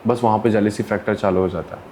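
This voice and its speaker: A counsellor appearing as an interview guest tells stories in casual conversation, animatedly acting out the people involved with different voices. He speaks quickly in a voice on the low side, with faint background noise in the recording.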